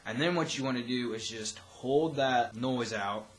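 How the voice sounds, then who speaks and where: A man's voice: mid-range voice, unhurried. A young man giving a casual, loosely rambling tutorial as a vocal instructor. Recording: roomy echo, faint background noise.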